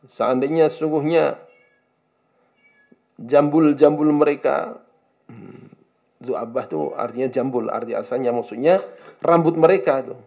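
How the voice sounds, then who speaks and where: Gravelly man coaxing a quiet class. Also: medium pitch, measured pace, long pauses. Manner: questioning, coaxing students to answer. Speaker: Islamic teacher. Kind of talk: classroom lesson on Arabic text.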